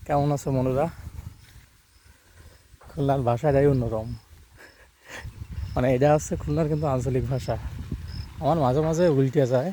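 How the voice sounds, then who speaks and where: A man's voice: mid-range voice, fairly even intonation, a little fast, long pauses, dark tone, slight background noise, poor audio. A young man with a Khulna Bengali accent, chatting casually as he walks outdoors through a village and coaxes the animals. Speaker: village vlogger. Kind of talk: casual walking vlog. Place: village outdoors, fields and pond.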